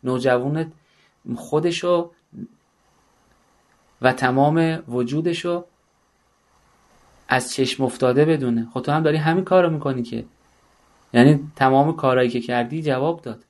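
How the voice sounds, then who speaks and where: A man's voice: mid-range voice, long pauses. A middle-aged man giving a religious talk on parenting, speaking emphatically and often acting out bits of dialogue.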